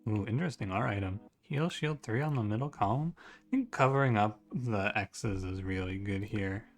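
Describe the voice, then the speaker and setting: A man's voice: on the low side, moderate pace, faint music behind. A man giving casual strategy game commentary, thinking aloud in a musing, conversational way and often correcting himself. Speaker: gaming streamer.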